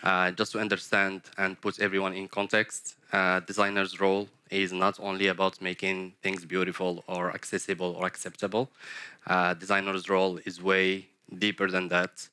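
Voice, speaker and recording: A man's voice: low-pitched, completely flat delivery, normal speed, sharp tone, clean tone, no room sound. A man from Morocco hosting a design workshop, speaking with frequent hesitations and fillers. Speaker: workshop host, head of design. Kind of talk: workshop presentation. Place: conference workshop room.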